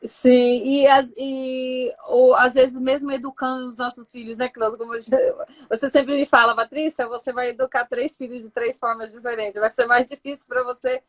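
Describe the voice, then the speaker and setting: A woman's voice: high-pitched, flat delivery, moderate pace. A woman as a guest in a casual live chat, speaking hesitantly with lots of fillers.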